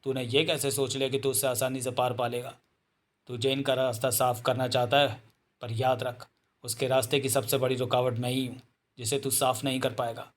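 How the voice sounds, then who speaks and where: A man's voice: medium pitch, level tone, normal speed, lightly acted. A man voicing a fierce, proud wolf-man warrior who speaks sternly and defiantly.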